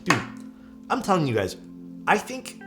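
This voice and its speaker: A man's voice: fairly high pitch, wildly swooping pitch, measured pace, over music. Rambling man in his thirties venting. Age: 30s. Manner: rambling, venting, frequent fillers and swearing. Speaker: keyboard-building streamer. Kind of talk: casual livestream chat reading viewer comments.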